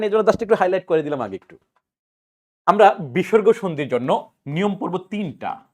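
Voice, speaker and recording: Man, Bangladeshi Bengali accent, high voice, teacher, exam-prep lesson, question-and-answer drilling, colloquial. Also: a little mellow.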